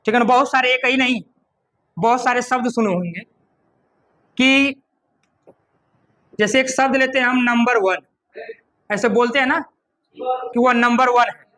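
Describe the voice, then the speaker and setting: A man's voice: extremely high pitch, sharp tone, rough recording. A man teaching English grammar in a classroom lecture. He repeats each point, often asks "right?", and puts questions to the class before answering them himself. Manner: repeats points and keeps asking "ठीक है ना"; slows down to recite a couplet.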